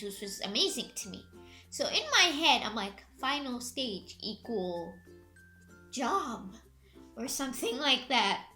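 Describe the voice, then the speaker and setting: A woman's voice: fairly high pitch, sharp tone. A woman in her twenties from Egypt, chatting casually and upbeat on her vlog and laughing often. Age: 20s. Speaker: YouTuber. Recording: music faintly behind.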